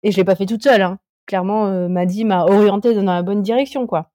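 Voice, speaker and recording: Mellow-voiced hesitant woman talking. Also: mid-range voice, steady tone, fast talker. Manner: hesitant, many fillers and restarts, laughs often. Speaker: podcast guest, rock climber. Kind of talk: casual interview chat.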